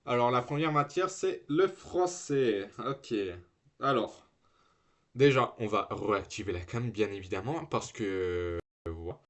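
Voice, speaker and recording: A teenage boy streams from his room, talking to his viewers in loose, slangy speech. He swears freely and keeps restarting his sentences, trailing off into fillers as he clicks around. His voice sits at an ordinary middle pitch for a young man. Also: measured pace, fairly bright tone. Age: teens. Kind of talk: casual live-stream chat.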